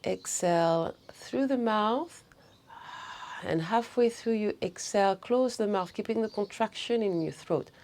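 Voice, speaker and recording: Female breathwork guide: soft mellow tone, touch of vocal fry, unhurried soothing instructions, slight noise behind. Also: medium pitch. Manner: soothing, unhurried guidance with short phrases.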